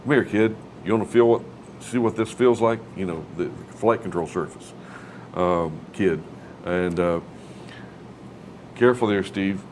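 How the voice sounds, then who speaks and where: A man's voice: sits low, a little slow, pauses often, darkish tone, slight background noise. A man chatting casually as an interviewer, with a folksy, rambling way of asking questions. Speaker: interviewer, host.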